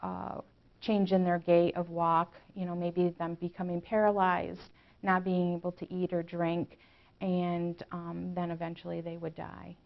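Gravelly, low-voiced woman giving interview answers. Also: flat delivery, measured pace, highs cut off. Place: small indoor office.

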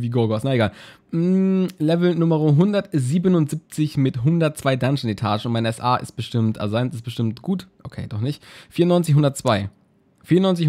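A man talks his way through a game, chatty and rambling, echoing the same words over and over as he browses. His pitch jumps around a lot and stays lively. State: yawning, just woke up. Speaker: let's play host. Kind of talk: casual gameplay commentary.

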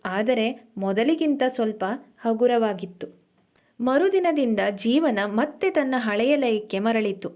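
A woman narrates a serialized audio story in a calm, expressive way. Her voice sits a touch higher than most women's.

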